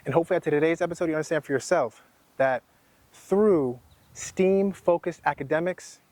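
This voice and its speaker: A man hosting an interview, reading a scripted introduction in a measured, announcer-like way before asking questions. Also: on the high side, a little mellow, no room sound. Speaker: podcast host. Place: school building.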